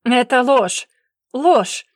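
A cornered young man bellows his denials, as a woman reading the story puts him on. The voice is loud and raised, recorded dry and close for an audiobook. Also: sits high, expressive, drawn-out words, dry recording, voice pushed up, full character voice. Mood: angry, defensive. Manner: shouting denials. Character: angry cornered young man, violent brother.

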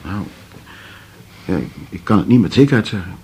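A man's voice: fairly low pitch, lively intonation, normal speed, noisy background, natural voice. An actor playing a nervous older man under suspicion, who speaks hesitantly and stammers while defending himself. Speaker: suspect husband. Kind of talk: radio drama acting.

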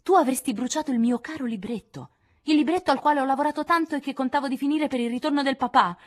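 A woman reading an audiobook, voicing a hot-tempered teenage girl writer who speaks loudly and indignantly, higher than her own voice. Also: a little fast, breathy edge. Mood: accusing. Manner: loud, indignant, accusing. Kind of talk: audiobook character voice.

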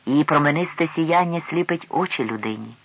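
A man's voice: a little high, a little fast, dry recording, narrow, tinny audio. A man voicing a courteous foreign knight in an audiobook, speaking in an ornate, ceremonious way.

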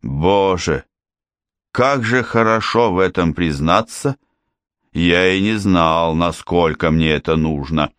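A man voicing a panicked, guilt-ridden brother who shouts a desperate confession, in an audiobook reading. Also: sits low, slow, clear, resonant tone, no echo.

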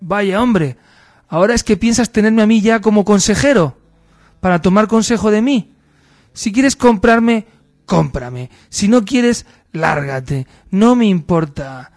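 A man's voice: sits high, lively intonation, unhurried, a little mellow, no room sound. A man reading as a cheeky, sardonic slave. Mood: defiant. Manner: dry, mocking comebacks. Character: sharp-witted sardonic male slave, cheeky and unflappable.

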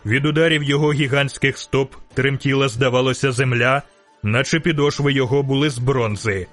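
A man narrating a fantasy audiobook with vivid, steady storytelling. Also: mid-range voice, a little fast, faint music behind.

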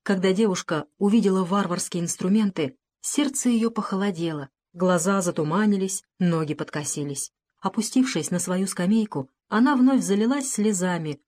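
A woman narrating an audiobook in a calm, measured way. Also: mid-range voice. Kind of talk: scripted narration.

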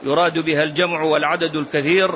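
A man's voice: on the high side, little pitch movement, fast, fairly bright tone, slight background noise. A man teaching a religious lesson, explaining a text and repeating key phrases for emphasis, sometimes drawing them out in a chant. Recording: dull lo-fi lesson recording.

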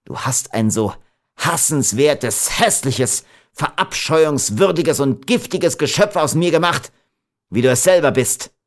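A man's voice: fairly high pitch, animated, unhurried, voice pushed up. A man doing a furious, scornful young man. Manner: loud, scornful.

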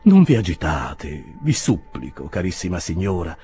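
A man doing a sighing lovesick gentleman. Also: sits low, big pitch swings, normal speed. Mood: tender. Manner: soft, sighing, tender. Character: lovesick, tender middle-aged wounded gentleman.

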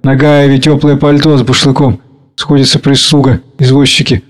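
A man reading the stage directions of a play aloud in a measured way. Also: medium pitch, little pitch movement. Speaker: reader.

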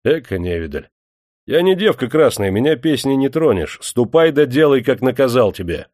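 A man voicing a stern, domineering male factory master who barks gruff commands in an audiobook. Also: mid-range voice, animated, normal speed, darkish tone, no echo, clean studio sound, lightly acted. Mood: angry.

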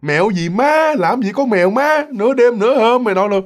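A woman's voice: lowish voice, very animated, quick pace. Guy doing a sleepy cranky girl roommate, whiny and scolding. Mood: annoyed. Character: sleepy, irritated young woman roommate.

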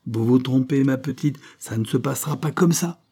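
A man voicing a scheming, spiteful middle-aged woman in an audiobook reading, with a shrill, mocking delivery. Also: lively intonation, normal speed, dark tone, breathy edge.

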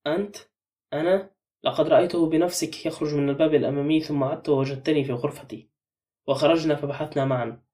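A man voicing a sharp-tongued, wary man under suspicion, curt and sardonic. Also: medium pitch, quick pace, recorded from a distance, close to an everyday voice. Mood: defiant.

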